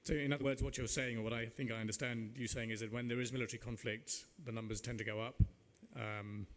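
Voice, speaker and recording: A man's voice: medium pitch, level tone, fast, a bit bright. Male panel moderator in a reverberant hall. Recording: reverberant hall with background noise.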